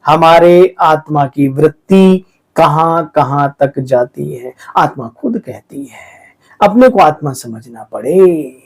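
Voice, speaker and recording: A man preaches with a fairly high, lively voice, exhorting his listeners and calling them sweet children. His sermon moves in bursts of emphasis. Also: slow, gravelly, poor audio. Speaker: spiritual teacher explaining the daily murli.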